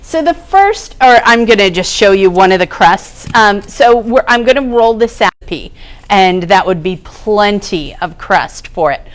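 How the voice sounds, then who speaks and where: A woman's voice: mid-range voice, animated, a little slow. A woman cooking instructor giving a casual demonstration in a kitchen classroom, chatting through each step as she works. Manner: chatty, explains each step while working.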